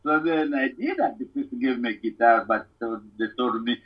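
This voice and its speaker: Man, husky voice, earnest storyteller, distant dull call audio. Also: mid-range voice, normal speed. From Democratic Republic of Congo. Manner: earnest, plain-spoken storyteller. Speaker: musician guest. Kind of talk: casual interview storytelling. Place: home living room. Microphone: remote call.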